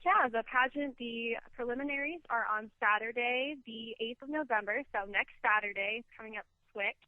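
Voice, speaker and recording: A woman's voice: a little high, moderate pace, dry recording. A young American woman giving poised, upbeat pageant-style answers in an interview. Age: young adult. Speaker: pageant contestant being interviewed. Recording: narrow radio or telephone-like sound.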